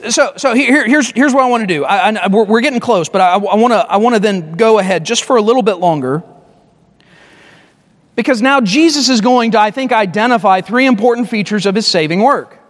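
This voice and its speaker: A man with a high-pitched voice delivers a sermon from the pulpit. He is emphatic, repeats and restarts his phrases, and slows right down to stress key words. His voice rings with the long reverb of a large church hall. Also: expressive. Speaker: pastor.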